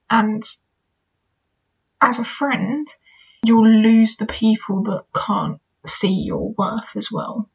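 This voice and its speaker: A woman's voice: a little high, husky. A young woman talking candidly and reflectively in a casual solo advice chat, peppered with "you know" and "kind of". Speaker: podcast host. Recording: dull lo-fi recording.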